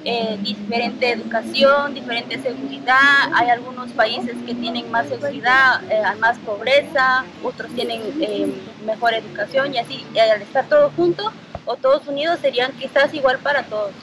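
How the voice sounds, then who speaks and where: A woman's voice: fairly high pitch, moderate pace, noisy background. A young woman from Guatemala with a Guatemalan accent, giving brief, hesitant answers to a street interview outdoors. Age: young adult.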